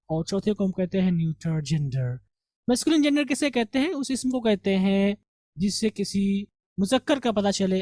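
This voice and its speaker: A man teaching a grammar revision lesson in a warm, relaxed voice, posing quick questions to the class and answering them himself. The sound is dry and close, with no room echo. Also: high-pitched. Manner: patient, step-by-step explaining. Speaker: English teacher.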